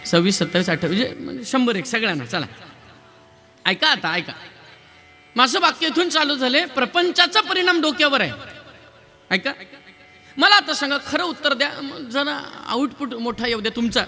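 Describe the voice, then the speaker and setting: A male devotional preacher delivering a lively sermon, teasing and quizzing his live audience. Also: extremely high pitch, normal speed, long pauses. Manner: lively, quizzes and teases the crowd, counts raised hands. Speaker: kirtan preacher.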